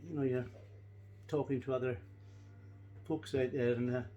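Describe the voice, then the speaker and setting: A man's voice: mid-range voice, fairly even intonation, moderate pace, mellow, lo-fi sound, faint music behind. A middle-aged or older Scottish man chatting casually to camera, reminiscing in a rambling, folksy and reflective way. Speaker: pipe-smoking vlogger.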